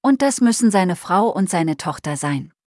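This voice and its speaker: A woman's voice: lowish voice, lively intonation, normal speed, no echo, clean studio sound. A woman voicing a remorseful, lonely old man in a Christmas storybook, speaking with sad regret. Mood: hopeful. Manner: sad, regretful, softly pleading.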